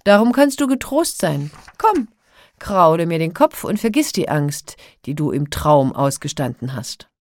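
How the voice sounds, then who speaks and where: A woman voicing a loud, gruff, possessive male giant in a spoken fairy tale. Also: deep voice, very animated, unhurried, no echo, studio quality. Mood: boastful.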